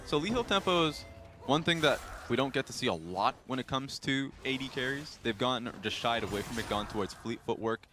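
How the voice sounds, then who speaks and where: A man's voice: mid-range voice, lively intonation, brisk, background noise. A man doing color commentary on a live esports match, analytical and explaining plays at length.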